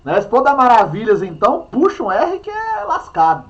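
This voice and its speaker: A man with a Minas Gerais accent gives a history lesson in a high, very animated voice. His pitch jumps all over as he chats and jokes with a co-host. The talk is loose and playful, never stiff. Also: moderate pace, muffled recording. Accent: Brazilian, Minas Gerais. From Brazil. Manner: chatty, playful teacher, banters with a co-host. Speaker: history teacher. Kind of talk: online class lecture.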